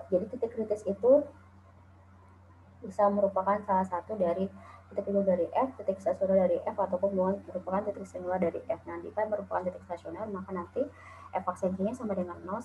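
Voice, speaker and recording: An Indonesian woman gives a recorded calculus lecture over slides, explaining step by step and often saying "eh" and "nah." Her mid-range voice is steady and quick, and the tinny, phone-like lo-fi audio has a noisy background.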